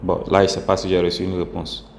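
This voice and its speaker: A man giving a spoken religious testimony, halting and full of fillers and restarts. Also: low voice, level tone, creaky. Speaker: testimony speaker. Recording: echoey room with faint background hum.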